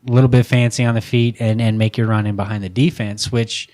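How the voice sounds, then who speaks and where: A man co-hosting a podcast, chatting casually about soccer, opinionated and excitable, swearing now and then. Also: fairly low pitch, fast. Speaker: podcast co-host. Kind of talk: casual sports chat.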